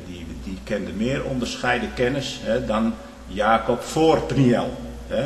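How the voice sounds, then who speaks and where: A man preaching a sermon in an emphatic manner, often tagging his points with short questions and repeating himself. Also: mid-range voice. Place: church. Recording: echoey church hall with faint noise.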